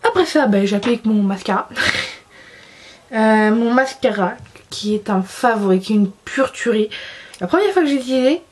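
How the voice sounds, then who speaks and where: A young beauty vlogger chats about her favorite makeup, giggling, poking fun at herself and often restarting sentences. Her slightly high, expressive voice has a darkish tone and a moderate pace, with a little hiss or hum in the audio.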